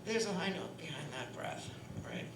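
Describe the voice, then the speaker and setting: Speaking in a fairly low voice at a moderate pace, a singer and voice teacher demonstrates breathing on a panel, often tossing in "right?" in her chatty style. The performance hall sounds echoey, with a steady noise underneath.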